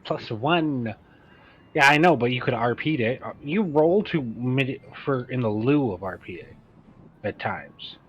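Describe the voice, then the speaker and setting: A man's voice: medium pitch, lively intonation, measured pace, husky, dull audio. A man running a tabletop game as game master, narrating combat casually over an online voice call and swearing freely. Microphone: online voice call mic.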